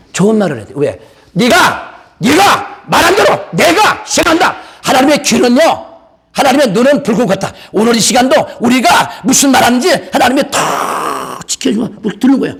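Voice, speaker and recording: A pastor with a very high, gravelly voice preaches to his congregation. His delivery is fervent and folksy, with playful asides dropped between exhortations. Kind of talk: Pentecostal-style sermon. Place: church sanctuary.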